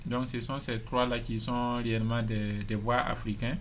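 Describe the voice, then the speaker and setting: Man casually explaining a software tutorial. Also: mid-range voice, little pitch movement, normal speed. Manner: casual step-by-step explaining, repeats himself. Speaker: tutorial host. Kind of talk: screen-recorded software tutorial.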